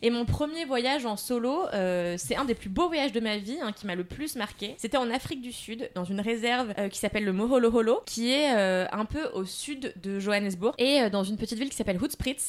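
A woman guest on a podcast, telling stories in a chatty, animated way with lots of slang and fillers. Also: a little high, a little fast, hardly any pauses. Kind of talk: casual storytelling.

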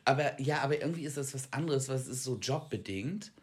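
A man co-hosting a relaxed chat podcast. He tells stories with energy, getting loud one moment and quiet the next, and often pokes fun at himself. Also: mid-range voice, a little fast. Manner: animated storytelling, jumps between loud and quiet; self-deprecating. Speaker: podcast co-host. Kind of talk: casual chat.

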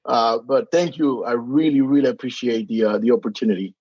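A Spanish-speaking man from the Dominican Republic, with a Dominican accent, chats casually as a podcast guest, hesitating with many fillers and restarts. His voice is medium-pitched, a little fast, a little mellow and husky. The sound is dry, dull and lo-fi.

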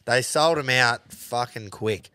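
With a medium-pitched, smooth but sharp-toned voice, an Australian podcast host talks slowly through casual sports chat and sponsor reads. He's blokey and sweary, and the recording has no echo.

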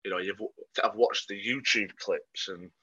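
A man's voice: fairly low pitch, a little slow, bright, forceful tone, slightly rough. A man co-hosting a football podcast, giving matter-of-fact opinions in a dry way with plenty of ums. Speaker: podcast co-host. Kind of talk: casual football podcast chat. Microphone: podcast microphone. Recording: muffled lo-fi sound.

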